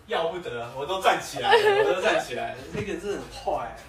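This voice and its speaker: A podcast co-host with a Taiwanese Mandarin accent trades fast, teasing remarks in a lively, swooping voice. The voice sounds a little distant from the microphone. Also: medium pitch, very noisy. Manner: teasing, quick banter. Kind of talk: casual chat.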